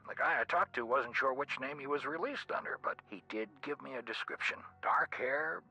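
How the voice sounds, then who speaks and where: A man's voice: medium pitch, normal speed, pushed and bright, poor audio. An actor playing a businesslike male police detective calling with a report in a game. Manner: matter-of-fact reporting.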